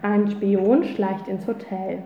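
A woman reading a children's novel aloud in a calm, unhurried storytelling manner. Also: mid-range voice, a little hiss or hum. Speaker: audiobook reader. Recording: roomy, tinny phone-like sound.

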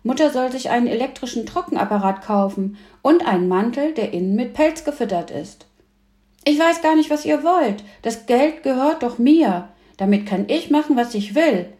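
A woman's voice: on the high side, lively intonation, a little fast, few pauses, dark tone, reverberant, voice pushed up, lightly acted. A woman doing a stubborn eager boy.

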